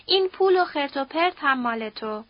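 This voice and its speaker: A woman voicing an earnest young man who pleads in a measured, soft-spoken way. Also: high voice, animated, no echo. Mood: persuasive. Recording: dull dry audiobook recording.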